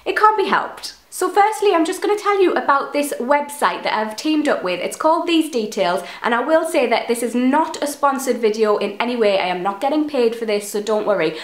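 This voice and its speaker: A woman in her twenties, a beauty vlogger, chats to a close camera in front of her in her bedroom, gushing over products in a casual review. Her fairly high voice is expressive, brisk, and nearly pause-free, a bit nasal from a cold, and the room sounds reverberant.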